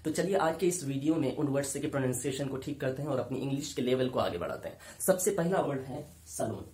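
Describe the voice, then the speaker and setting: A man's voice: mid-range voice, expressive, quick pace, a little mellow, echoey room. A man teaching English pronunciation, repeating each word several times as he drills it. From South Asia. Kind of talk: spoken English lesson.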